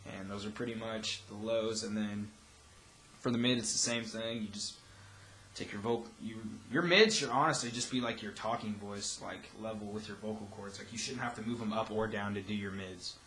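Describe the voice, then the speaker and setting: A man's voice: fairly low pitch, fairly even intonation, normal speed, a bit bright. A young man giving a casual, loosely rambling tutorial as a vocal instructor. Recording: roomy echo, faint background noise.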